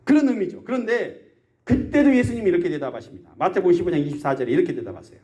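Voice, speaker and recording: A man's voice: sits high, expressive, racing, warm tone. A man preaching a sermon as pastor of a rural church, often asking the congregation questions. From South Korea.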